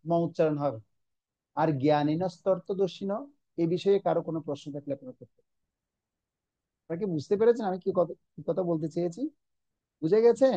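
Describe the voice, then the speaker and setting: Man teaching slowly on a video call. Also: sits high, darkish tone, no echo, dull audio. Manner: slow drilling repetition of words, quizzing students. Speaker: religious course teacher. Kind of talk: online class teaching Sanskrit pronunciation. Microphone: online video call.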